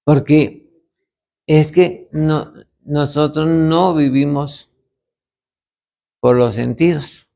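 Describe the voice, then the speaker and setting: A man's voice: a little high, fairly even intonation, extremely slow, long pauses, mellow, dull audio. A man, a pastor, teaching other pastors in a conversational way and retelling stories with quoted dialogue. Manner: gravelly, anecdotal, retells dialogue.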